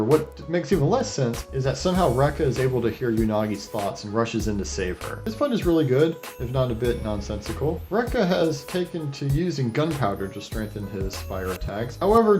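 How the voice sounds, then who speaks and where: With a mid-range, slightly mellow voice, an anime reviewer hosts his own video, narrating a casual scripted retrospective over clips. He keeps it irreverent and sarcastic, dropping profane asides along the way.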